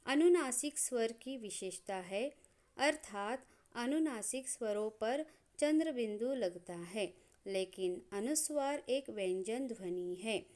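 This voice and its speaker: A woman teaches a grammar lesson in a fairly high voice. She goes slowly and deliberately, spelling out each sound in turn with measured pauses. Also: lively intonation, a little mellow. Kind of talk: slow explanatory lesson.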